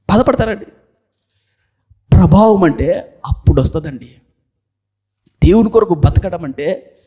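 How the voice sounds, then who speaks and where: High-voiced animated male preacher. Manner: animated, acts out dialogue in the story, rises to shouting. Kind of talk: storytelling sermon.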